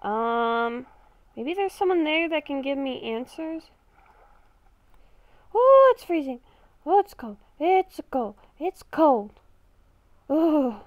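While playing a game, a woman voices a roleplay character, improvising narration, thinking aloud and repeating phrases. She speaks slowly in a high voice with big pitch swings and frequent pauses, without echo, through a dull, lo-fi mic.

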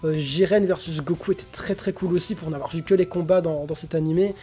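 A man's voice: on the high side, fairly even intonation, fairly quick, loud music behind the voice. A young man giving casual, opinionated commentary, enthusiastic and hesitant with many fillers. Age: young adult. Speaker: anime YouTuber.

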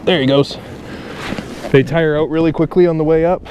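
A Canadian man with a slightly high voice vlogs from his kayak at normal speed, his intonation fairly even. He keeps up a laid-back, chatty commentary to viewers while fishing on open water. The outdoor recording clearly captures wind and water.

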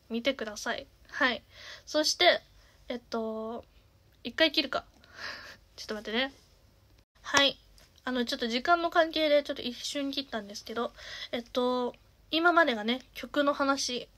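A young woman in her twenties with a naturally nasal voice, chatting casually as a singer and streamer, with lots of fillers and the odd soft half-whisper. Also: sits high. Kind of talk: casual chat.

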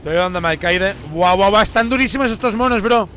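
Man, Spain Spanish accent, streamer, very high voice, quick excitable commentary. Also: slight background noise. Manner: excitable, repeats himself, exclaims a lot.

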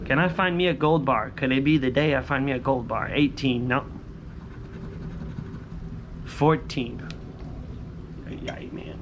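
Here a man in his thirties, host of a scratch-off lottery video, keeps a measured pace and pauses often, his mid-range voice steady in tone. Sitting on a covered patio by a pool, he scratches tickets and talks casually to viewers in short, repetitive, informal phrases, with clear ambient background noise.

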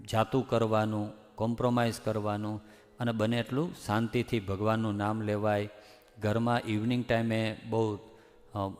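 A man from Gujarat giving an earnest devotional discourse, pleading with listeners and rising to emphatic warnings. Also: medium pitch. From Gujarat, India. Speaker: religious speaker. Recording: long hall reverb.

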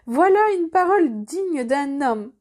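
Brief: grieving but wise vixen, read by a woman, calm and dignified storybook voice, high. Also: a little slow. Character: female fox, grieving mother, wise and dignified.

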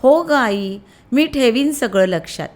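A woman voicing an eager, trusting little boy in a storybook tale, with high, childlike questions. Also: lively intonation, slow pace.

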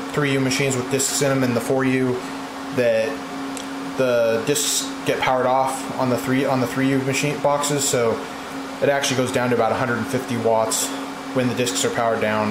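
A man talks in a loose, rambling way while he films on a handheld camera in a small room. His voice sits at an average pitch. The room sounds hollow, and loud fan and air-conditioning hum runs under everything. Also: reverberant. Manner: relaxed, rambling, with fillers and restarts. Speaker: home server hobbyist giving a tour. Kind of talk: casual walkthrough narration. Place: small home server room indoors. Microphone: handheld camera mic, filming while walking.

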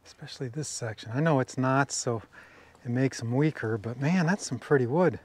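Outdoors at a sawmill in a wooded yard, a middle-aged man talks at a moderate pace in a mid-range, slightly mellow voice with a breathy edge. An action camera on the mill catches his casual running commentary as he muses to himself and pauses to admire the wood.

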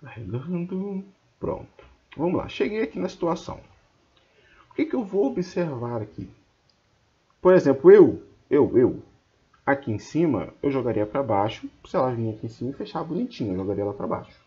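A man's voice: mid-range voice, sing-song, moderate pace, dark tone, lo-fi sound. A man with a Brazilian Portuguese accent teaching trading in an informal screen-share lesson, talking colloquially and scolding and joking with his viewers. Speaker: trading instructor.

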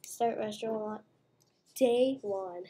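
With a medium-pitched, warm, slightly rough woman's voice, a young girl takes her time as she plays a restaurant game at home. Her casual gameplay chat is playful and talkative, narrating each move, and the background holds faint noise and mouse clicks.

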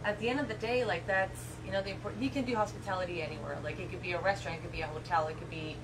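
A woman from Chile in her thirties, working as a yacht chef, talking casually about her cooking with lots of fillers and pauses. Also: lowish voice, steady tone. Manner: friendly, hesitant, lots of fillers. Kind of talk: casual interview. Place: aboard a catamaran. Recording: noisy background with vehicle-like hum.

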